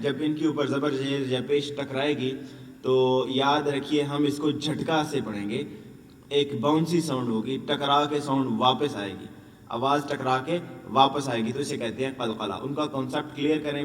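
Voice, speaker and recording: A man training Quran teachers, drilling letter sounds and asking and answering his own questions. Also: mid-range voice. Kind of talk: instructional lesson. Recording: echoey room, distant mic, faint noise.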